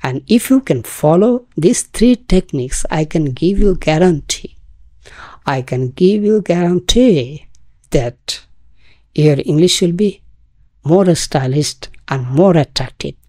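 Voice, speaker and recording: Woman from Bangladesh, English teacher, unhurried lesson, mellow low voice, dry close sound. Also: lively intonation, no echo. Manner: switches between Bengali and English, slow deliberate English examples.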